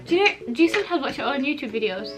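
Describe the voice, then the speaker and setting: A young woman hosts a relaxed chat over a meal, chatty and quick to giggle. Her voice sits a little high. Music plays clearly underneath. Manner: giggly, chatty, laughs often. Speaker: host. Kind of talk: casual chat while eating.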